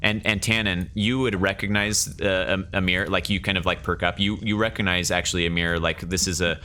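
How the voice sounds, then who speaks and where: A man with a low, bright-edged voice runs a tabletop game. He narrates casually and haltingly, repeating himself as he improvises, with light room noise behind him. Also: steady tone. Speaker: game master.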